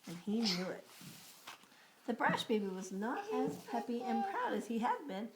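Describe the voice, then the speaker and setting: Animated woman reading to a toddler, noisy recording. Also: a little high, moderate pace. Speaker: storybook reader. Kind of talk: reading a picture book aloud to young children.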